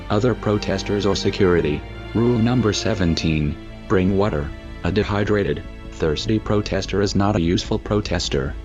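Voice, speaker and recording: A man speaking through a disguised deep voice, reading a formal, scripted public statement as an anonymous spokesperson in a measured, instructive manner. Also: a little mellow. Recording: dull lo-fi audio with faint music.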